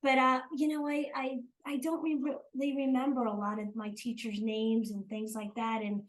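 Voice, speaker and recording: A woman's voice: on the high side, level tone, moderate pace, rough recording. Chatty older South Jersey woman. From South Jersey, USA. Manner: chatty, hesitant with many ums and restarts. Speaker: guest. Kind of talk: casual interview chat.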